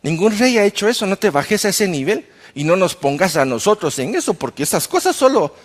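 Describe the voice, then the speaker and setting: A man's voice: high-pitched, sing-song, fairly quick. A man voicing nervous court magicians who plead with and argue against their king, in a sermon. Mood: defensive. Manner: pleading, defensive. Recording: reverberant church hall.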